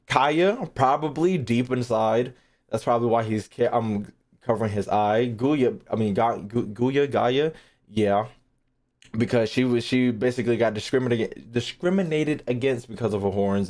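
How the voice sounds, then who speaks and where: This gaming streamer speaks at medium pitch with a darkish tone, musing out loud in a casual, slang-heavy way. He curses freely, circles back to the same phrases, and lets thoughts trail off unfinished.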